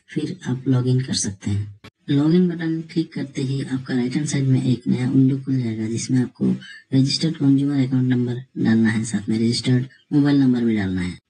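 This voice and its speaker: A man's voice: medium pitch, slightly rough, poor audio. A man narrating a screen tutorial, walking viewers step by step through an online form and calling them friends. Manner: steady step-by-step explaining, addresses viewers as friends. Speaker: tutorial presenter.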